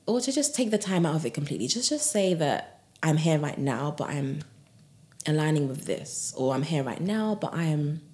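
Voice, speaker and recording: A woman guest on a podcast, a yoga teacher and author, talking in a gentle, soothing way with frequent laughs and soft breathy asides. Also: low-pitched, sing-song, moderate pace. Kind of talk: relaxed podcast conversation.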